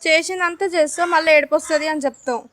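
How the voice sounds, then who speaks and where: A woman's voice: very high-pitched, fairly even intonation, rapid-fire, fairly bright tone, soft background music. A young woman acting in a love drama, tearful and defensive. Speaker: actress in a web drama. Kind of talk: acted love-drama dialogue.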